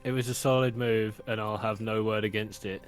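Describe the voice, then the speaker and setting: A man's voice: on the low side, steady tone, fairly quick, faint music behind. A man player chatting casually with dry jokes at a tabletop game. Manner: dry, jokey. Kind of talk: casual chat.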